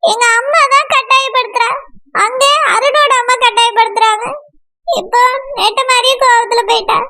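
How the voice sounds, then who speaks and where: A woman voicing a heartbroken young bride-to-be who laments slowly, with a Kanyakumari accent. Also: extremely high pitch, steady tone, pushed and bright, full character voice. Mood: sorrowful. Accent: Kanyakumari Tamil. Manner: sorrowful, lamenting. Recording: noisy recording.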